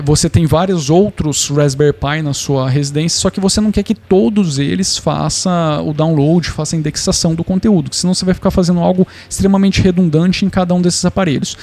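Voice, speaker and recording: A man's voice: a little high, a little fast, darkish tone. Chatty Brazilian man explaining tech. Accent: Brazilian Portuguese. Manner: conversational, thinks aloud with restarts and tag questions. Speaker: tech channel host. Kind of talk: casual explanatory tech talk.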